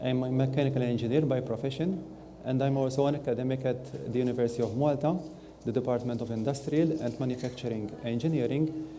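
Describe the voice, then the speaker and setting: A man speaks as an academic on a conference panel. His voice is very dark and mellow, he speaks in a measured, formal way, and a faint hum of the room sits behind him. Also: mid-range voice, fairly even intonation.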